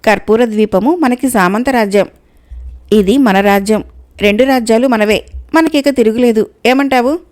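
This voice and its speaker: A woman's voice: fairly high pitch, moderate pace, a little mellow, lightly acted. A woman voicing an ambitious fable king, in an enthusiastic, commanding manner. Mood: eager. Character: eager, ambitious bird king.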